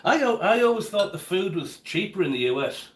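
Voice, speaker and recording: A man's voice: high voice, very animated, fairly quick. Chatty man cooking in an echoey kitchen. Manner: chatty, answers viewers' comments by name. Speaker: cooking livestream host. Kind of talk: casual live-stream chat while cooking. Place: home kitchen. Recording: echoey kitchen room sound.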